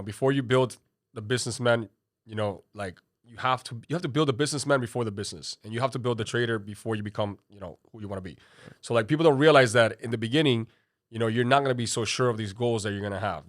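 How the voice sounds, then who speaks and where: A man's voice: fairly low pitch, dry recording. Cuban-born man in his thirties, dry-sounding. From Cuba. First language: Spanish. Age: 30s. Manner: rambling, lots of "you know" and "like". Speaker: podcast guest, trader. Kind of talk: casual interview talk.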